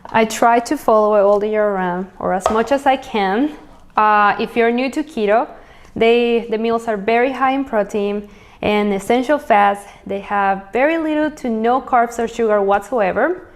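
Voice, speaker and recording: A woman's voice: fairly high pitch, normal speed. A woman from Venezuela hosting a cooking video, chatting casually and listing ingredients as she prepares meals. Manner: chatty, upbeat, lists ingredients as she cooks. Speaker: cooking channel host. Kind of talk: casual recipe walkthrough.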